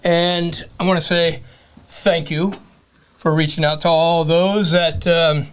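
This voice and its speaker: A man's voice: fairly high pitch, flat delivery, slow pace, clean tone. A man playing a cheerful, kindly Santa Claus guest on a podcast, talking in a reassuring, easy way. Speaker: guest in costume. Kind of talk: casual podcast chat.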